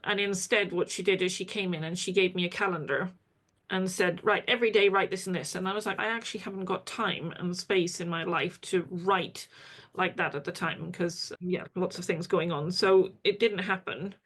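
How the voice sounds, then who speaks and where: A woman's voice: fairly low pitch, fairly even intonation, normal speed, a bit bright, husky. Candid woman guest reflecting. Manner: reflective, candid, tells stories with quoted asides. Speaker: kinesiology practitioner, guest. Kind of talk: conversational interview.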